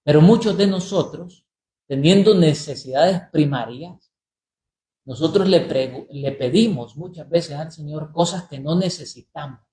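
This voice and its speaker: A priest giving a sermon, speaking deliberately, repeating phrases and slowing down on key words for emphasis. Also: male voice, fairly high pitch, dark tone. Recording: roomy echo.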